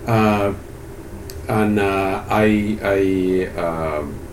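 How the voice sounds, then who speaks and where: A man in his sixties from Peru, a Spanish speaker answering oral history questions about his life in a halting way with many restarts. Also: deep voice, rough recording. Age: 60s. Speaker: interviewee, university economist. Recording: steady background hiss.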